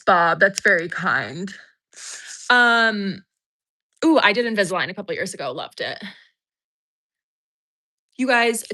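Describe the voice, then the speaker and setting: A woman hosts a loose livestream from her home, talking straight to her viewers. Her voice is bright and chatty, and she drifts from one small story to the next, thanking people for super chats along the way. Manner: rambling, chatty, reads super chats aloud; baby talk to her dog in a high voice. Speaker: host of a livestream show. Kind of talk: casual livestream chat with viewers.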